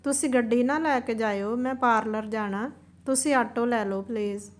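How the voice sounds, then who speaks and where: A woman voicing a quarrelsome young mother who scolds and nags in a slightly high voice. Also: normal speed, close to an everyday voice. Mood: nagging. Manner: scolding, nagging. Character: scornful young mother, sharp-tongued, quarrelsome.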